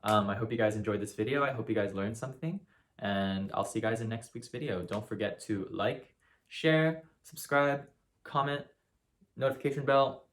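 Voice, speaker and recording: A young man with a fairly low voice gives a friendly pronunciation lesson. He explains each rule plainly, then says the example words slowly and repeats them so the listener can copy. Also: fairly bright tone. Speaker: language teacher.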